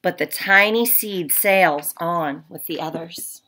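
Bright-voiced teacher reading aloud. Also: female voice, fairly low pitch, takes it slowly. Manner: gentle, expressive storybook reading. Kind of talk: read-aloud for young children. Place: home room, indoors.

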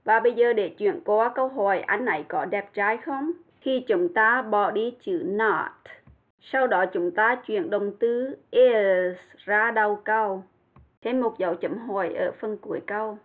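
A woman's voice: medium pitch, a little slow. A woman teaching an English lesson, speaking carefully and repeating words for pronunciation. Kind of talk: language lesson. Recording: tinny phone-like sound.

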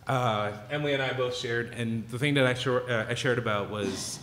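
A young man sharing a relaxed, easygoing testimony at a stand mic on a church stage. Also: mid-range voice, moderate pace. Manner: relaxed, easygoing, some restarts. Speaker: youth leader sharing at church. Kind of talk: casual testimony. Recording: echoey church hall, faint noise.

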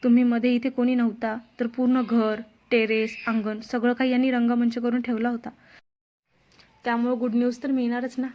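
A woman's voice: fairly high pitch, little pitch movement, normal speed, lightly acted. A woman doing a jovial old family doctor. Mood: joking. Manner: joking, cheerful. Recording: dull lo-fi sound.

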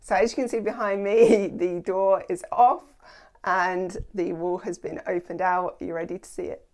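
A thirty-something woman narrates a casual renovation vlog from inside her house, which is mid-renovation, speaking into a lapel mic. Her voice sits on the low side and is slightly mellow, with fairly even intonation and a normal pace. She's enthusiastic and chatty, with plenty of ums.

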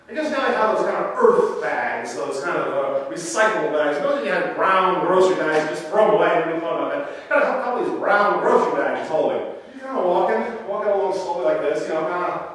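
Male pastor, animated storyteller, recorded from a distance in a long-reverb hall. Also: sits high, a little hiss or hum. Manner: animated storyteller, acts out scenes with shifting voice. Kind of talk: storytelling sermon. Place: church sanctuary. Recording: echoey church hall from far off.

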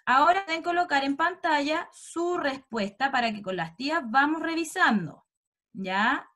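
A woman's voice: high-pitched, expressive, normal speed, a bit bright. A woman, patiently teaching an online class for young children and prompting them with questions. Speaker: first-grade teacher.

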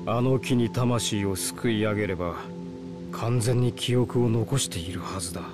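A man's voice: fairly low pitch, moderate pace, lightly acted. An actor playing a solemn, proud male spirit in a video game, speaking in formal, old-fashioned warrior phrasing. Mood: stern. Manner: grave, formal archaic phrasing. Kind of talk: Japanese RPG cutscene voice acting. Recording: game soundtrack music behind.

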